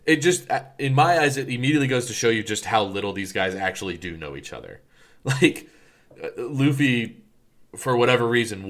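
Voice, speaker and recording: A man's voice: sits low, a bit bright. A man co-hosting a casual podcast, rambling with lots of fillers and restarts. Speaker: podcast co-host.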